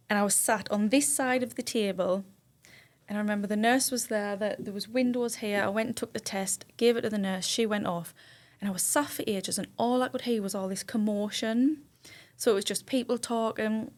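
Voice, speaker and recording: A woman of about thirty tells a deeply personal story as a podcast guest, her voice sitting in an ordinary middle range. She relives moments as she speaks, bringing in what others said and letting her emotion rise and fall with the memory. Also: a little mellow. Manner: emotional, vivid retelling with quoted dialogue. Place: indoor studio room.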